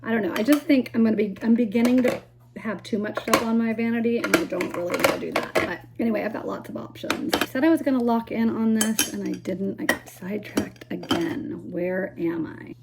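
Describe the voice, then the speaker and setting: A woman's voice: medium pitch, fairly quick. A woman vlogging in a casual, rambling way to her viewers, thinking aloud as she talks. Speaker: lifestyle vlogger. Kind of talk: casual vlog chat to camera. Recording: clear background noise.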